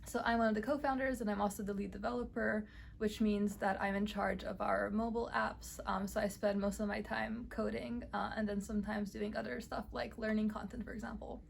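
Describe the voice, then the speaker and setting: A young woman from Romania with a slightly gravelly edge to her voice speaks at a middle pitch, easygoing and full of little fillers. She answers questions casually while walking through an office. Faint noise sits under the recording. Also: a little fast, low-quality recording. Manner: relaxed, many "um" and "I guess" fillers. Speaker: startup cofounder and lead developer. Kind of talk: casual interview and office tour.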